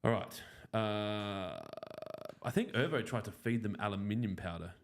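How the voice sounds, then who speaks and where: A man's voice: lowish voice, measured pace, background noise. A man with a broad Australian accent and a blokey, sweary, joking manner, hosting a casual live chat. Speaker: host of a lawn care show. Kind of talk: casual live chat answering viewer questions.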